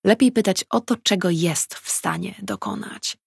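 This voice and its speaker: A woman reading a novel aloud as an audiobook narrator, in calm, even storytelling. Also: medium pitch, moderate pace, vocal fry, breathy edge, no echo, studio quality. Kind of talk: scripted narration.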